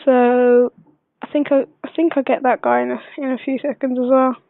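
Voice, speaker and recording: A woman who is unwell gives a casual gameplay tutorial voice-over, speaking quietly but clearly in a hesitant, rambling way. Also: high-pitched, little pitch movement, normal speed, dry recording. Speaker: gaming video maker. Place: voice-over recorded at a computer. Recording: dull lo-fi computer recording, dry.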